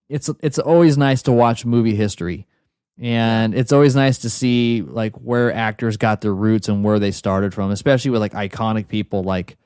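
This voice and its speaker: A man's voice: on the low side, a little mellow, smooth, no room sound, clean studio sound. A man co-hosting a film podcast in casual chat, rambling with many fillers and restarts. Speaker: podcast co-host.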